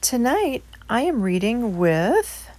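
A woman reading a bedtime story aloud to children, hushed and sometimes dropping to a whisper. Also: a little high, big pitch swings, takes it slowly.

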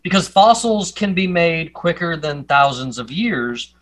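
A man's voice: a little high, animated, a little slow, fairly bright tone. A man talking over a video call in casual chat as a podcast co-host, often stumbling and repeating words as he restarts his sentences. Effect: remote voice over a video call that freezes. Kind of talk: casual conspiracy-minded chat. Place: at home on his farm.

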